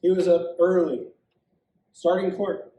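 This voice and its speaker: A male pastor preaching a sermon as a dramatic story told in the first person, with lively asides as he voices the characters. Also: high voice, a little slow. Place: church sanctuary. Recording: echoey church heard from a distance.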